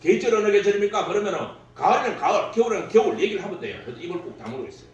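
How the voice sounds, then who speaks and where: A man's voice: sits high, rapid-fire, lo-fi sound. A man giving a humorous workshop lecture, joking and laughing at his own stories. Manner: jokey, laughs at own stories, lively delivery. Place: lecture hall. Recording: very echoey hall, distant mic, faint hum.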